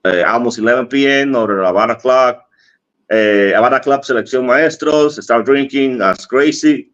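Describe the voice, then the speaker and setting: Speaking at normal speed with a medium-pitched, slightly bright voice, this Dominican man in the cigar industry casually tells a story in his Dominican Spanish accent. He voices the dialogue and laughs often over dull lo-fi stream audio.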